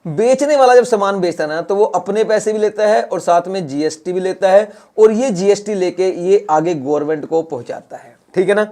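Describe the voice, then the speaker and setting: A man teaching a class, lecturing in a lively way, repeating words and acting out small scenes to explain. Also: high-pitched, moderate pace, hardly any pauses. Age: adult, has a son. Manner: animated, repeats words, acts out little scenes.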